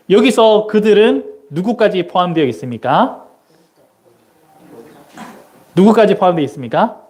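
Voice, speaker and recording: A man delivers an interactive Sunday sermon in a church. His voice sits high and swings widely in pitch. He quizzes the listeners, then answers his own questions on the microphone. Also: darkish tone. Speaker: missionary preaching. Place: church sanctuary during a service.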